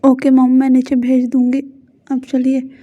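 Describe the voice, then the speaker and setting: A woman voicing a polite, quiet young woman, in a dull lo-fi recording. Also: high voice, completely flat delivery, a little slow.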